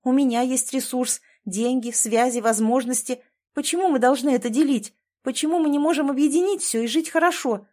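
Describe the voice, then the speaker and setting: A high, brisk, slightly mellow female voice, pushed up in pitch, reads an audiobook character. The character is a strong-willed woman who argues insistently with a steely edge, and the delivery is pleading and emphatic.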